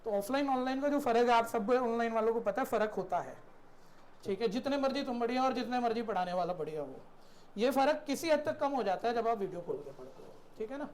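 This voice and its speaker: A man's voice: extremely high pitch, expressive, quick pace, darkish tone. A man teaching a math class in a conversational lecture style, often checking in with his students and asking them questions.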